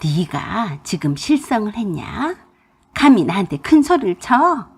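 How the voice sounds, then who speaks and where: A nagging older mother-in-law who drawls her scolding slowly, her voice swinging widely up and down, as a woman puts her on. The tone is husky and breathy, like a cranky elder in a radio drama. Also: medium pitch, very animated, full character voice. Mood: indignant. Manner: nagging, bossy, slow drawl.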